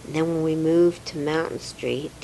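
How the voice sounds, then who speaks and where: Older woman from Romania, low voice, halting fillers, faint background hiss; reminiscing interviewee. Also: fairly even intonation, vocal fry, rough recording. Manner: hesitant, many fillers, soft trailing words. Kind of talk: reflective home interview.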